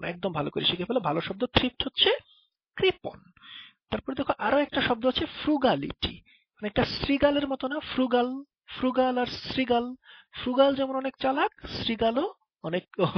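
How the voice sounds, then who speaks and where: A man's voice: very high voice, slightly rough, no room sound. A man teaching vocabulary, explaining each word with playful memory tricks and speaking straight to the student. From Bangladesh. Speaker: vocabulary tutor. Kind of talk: spoken vocabulary lesson. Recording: dull lo-fi dry recording.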